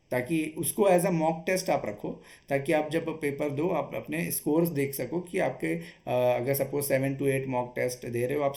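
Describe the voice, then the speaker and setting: An exam coach from Chhattisgarh, India, whose darkish voice sits a bit higher than most men's. Explaining his study strategy one step at a time, he frequently pauses for short tag questions to check in with listeners.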